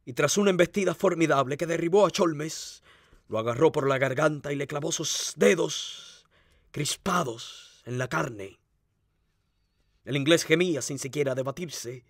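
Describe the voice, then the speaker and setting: A man reading a crime novel aloud, narrating in an expressive, dramatic way. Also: fairly high pitch, unhurried, no echo, clean studio sound. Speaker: audiobook narrator.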